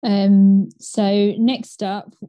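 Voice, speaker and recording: A woman chats on a podcast in an easy, filler-heavy way. Her tone is mellow and warm rather than bright, and the recording is dry and close. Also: medium pitch, flat delivery, very slow, no room sound. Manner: chatty, frequent "like" and "um". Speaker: podcast co-host. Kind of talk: casual chat.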